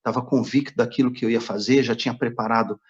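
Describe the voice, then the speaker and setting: A man's voice: medium pitch, fairly even intonation, fast. A man, a pastor, telling a personal testimony story and quoting the dialogue of others in his own voice. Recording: dull lo-fi recording.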